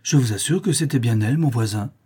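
Male reader doing a plaintive young Parisian working girl, mellow and husky. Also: fast talker. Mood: eager. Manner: tender, plaintive, lifting into a higher voice. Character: young working Parisian woman, sweet and worried. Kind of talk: audiobook character reading.

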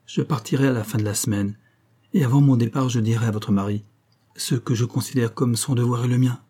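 Man voicing a dignified young woman, calm and self-sacrificing, measured and earnest, dark husky tone. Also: medium pitch, lightly acted.

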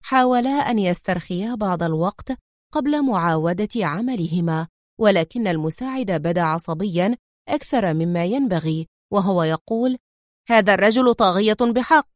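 A woman narrating a thriller audiobook in a measured, expressive storytelling manner. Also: lowish voice, no room sound, studio quality.

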